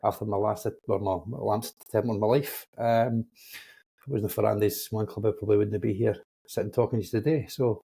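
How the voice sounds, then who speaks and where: A man's voice: on the low side, fairly even intonation, fairly quick, gravelly, dark tone, breathy edge. A man in his forties with a Dundee Scottish accent, telling his own story casually as a podcast guest. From Dundee, Scotland. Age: 40s. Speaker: podcast guest, men's support group facilitator. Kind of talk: casual chat, personal storytelling.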